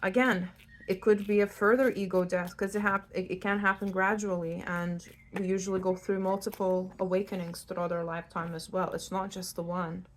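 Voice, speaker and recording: This Lithuanian tarot reader, who runs her own channel, talks bluntly and conversationally straight to the listener in an unscripted reading. Her mid-range voice moves little in pitch at a moderate pace, and there's slight background noise in her new-build home.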